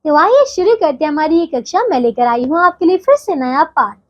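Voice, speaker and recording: A woman's voice: high-pitched, lively intonation, a little fast, muffled recording. A woman teaching a grammar lesson to young children, patient and explaining step by step, often checking that they follow.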